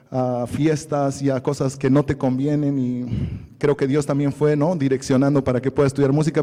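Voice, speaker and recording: A man's voice: medium pitch, dark tone. A man in his thirties, from Bolivia, preaching a sermon and telling his own story, quoting family members in his own voice. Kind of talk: sermon testimony. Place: church hall. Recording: echoey church hall.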